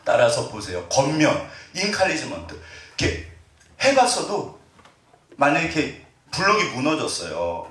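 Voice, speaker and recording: A man's voice: medium pitch, fairly bright tone. A middle-aged man preaching a conversational sermon as pastor. He keeps asking the congregation questions and acts out family members' words. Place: church sanctuary. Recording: roomy sound, distant from mic.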